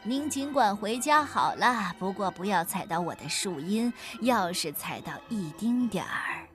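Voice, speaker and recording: A woman voicing a clever, sly folk-hero man in a children's storybook reading, calm and teasing. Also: medium pitch, soft background music. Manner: calm, teasing, deliberately slow. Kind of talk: storybook character voice.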